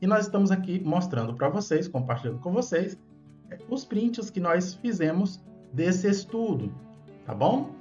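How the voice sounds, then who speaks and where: Guy teaching a lesson, bit high voice, dull lo-fi sound, soft music underneath. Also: sing-song, normal speed. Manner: patient, checks in with tag questions. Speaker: Bible language teacher. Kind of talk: explanatory video lesson. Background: faint background music.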